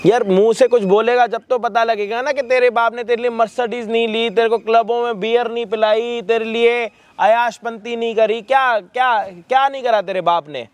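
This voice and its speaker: High-voiced man scolding harshly. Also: steady tone, moderate pace, hardly any pauses. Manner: harsh, rebuking, swears freely. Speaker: vlog host confronting a son. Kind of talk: staged confrontation, scolding.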